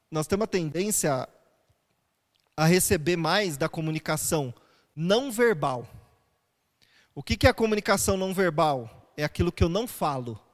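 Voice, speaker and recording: A male pastor with a notably high voice teaches in a relaxed, conversational way, often asking the room rhetorical questions. His words hang in a long church reverb. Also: moderate pace, long pauses. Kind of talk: sermon.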